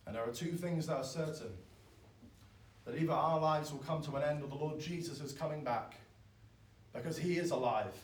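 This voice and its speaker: A man, preaching a sermon in an earnest, pleading way that swells loud and then drops soft. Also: a little high, moderate pace. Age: 20s. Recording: echoey, from far off.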